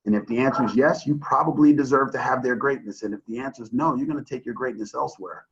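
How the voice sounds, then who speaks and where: A man on a webinar panel speaks earnestly and reflectively, pausing often with fillers and restarting his sentences. His voice comes through dull and lo-fi, the way it sounds on a video call. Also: medium pitch.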